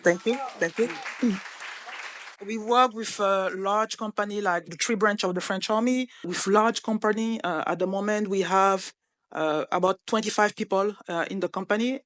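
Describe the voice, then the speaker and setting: A woman's voice: medium pitch, moderate pace, a bit bright, a faint crowd. A woman from Cameroon, a startup founder speaking earnestly on a panel with frequent hesitations. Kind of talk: panel discussion.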